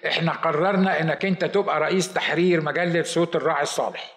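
A man's voice: on the high side, fairly even intonation, quick pace, a bit bright, roomy sound, big-room sound. A man with an Egyptian accent quoting a firm, skeptical senior pastor in a sermon story. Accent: Egyptian Arabic. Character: stern older male senior pastor.

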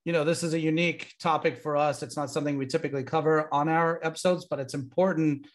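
Hosting a casual podcast interview, a man talks fast in a fairly high voice with a steady tone. He's upbeat and enthusiastic as he introduces his guest and asks questions, dropping frequent ums.

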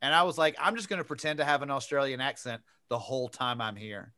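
A man's voice: medium pitch, quick pace, pushed and bright, no echo. A man from Tennessee, co-hosting a podcast in a casual, playful and teasing way. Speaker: podcast co-host. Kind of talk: casual chat.

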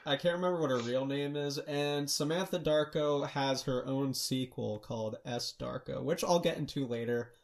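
A man's voice: mid-range voice, moderate pace, few pauses. A man co-hosting a casual film review podcast, teasing his friends and swearing freely. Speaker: podcast co-host.

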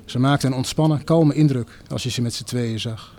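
A man narrating a first-person literary story in a measured, deliberate way. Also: medium pitch, a little mellow. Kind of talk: literary reading.

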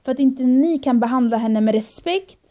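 Young woman retelling a story, mellow. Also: high-pitched. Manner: animated storytelling, quoting herself and others; mixes in English phrases. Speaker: podcast guest. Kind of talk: casual podcast chat.

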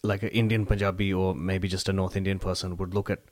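A man chatting casually with halting, tentative phrasing. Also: sits low, little pitch movement, a little mellow, no echo, clean studio sound. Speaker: conversation partner posing questions. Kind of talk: casual chat.

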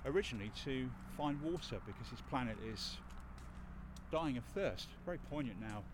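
A man's voice: mid-range voice, lively intonation, normal speed. A man hosting a walking tour, talking in a rambling, enthusiastic way with lots of fillers. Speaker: podcast host and tour guide. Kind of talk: chatty walking-tour talk. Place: busy city street outdoors, walking. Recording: loud traffic and building noise.

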